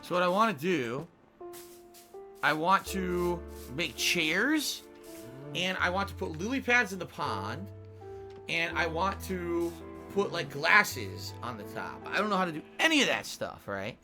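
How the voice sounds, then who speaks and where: A man's voice: on the high side, big pitch swings, a little slow, over music. A man streaming a game, venting in frustration with heavy swearing and repeating himself as he reads out viewer tips. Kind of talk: casual live-stream chat.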